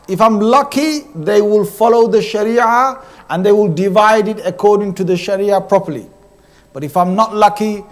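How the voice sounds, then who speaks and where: A man with a British accent preaches in a mosque hall, with a voice pitched a little above the usual for a man. He talks straight to the congregation in an earnest tone and comes back to the same phrases again and again to drive his point home. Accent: British English. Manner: earnest, addresses brothers and sisters directly, repeats phrases for emphasis. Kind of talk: mosque sermon.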